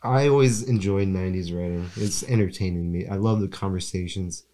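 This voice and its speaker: A young man with a congested, stuffy voice, co-hosting a casual film review podcast. He talks in a rambling, relaxed way and often restarts his sentences. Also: low voice, fairly quick. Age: young adult. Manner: rambling, self-correcting, relaxed. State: congested from allergies. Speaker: podcast co-host.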